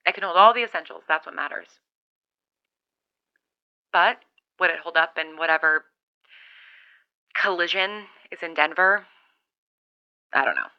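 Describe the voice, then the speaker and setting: A woman's voice: lowish voice, measured pace, long pauses, clean tone, no echo. An actress playing a lone woman survivor keeping a log over a CB walkie-talkie, wry and rambling as she thinks aloud, in an audio drama monologue. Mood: musing. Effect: talking over a CB walkie-talkie radio. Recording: dull lo-fi radio sound.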